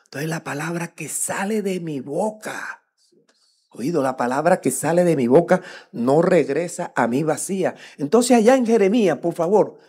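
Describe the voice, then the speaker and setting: A middle-aged man with a Colombian accent, preaching a teaching sermon, swinging between loud emphatic lines and quiet muttered asides and joking with the congregation. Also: fairly high pitch, animated, moderate pace, husky. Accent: Colombian Spanish. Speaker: pastor.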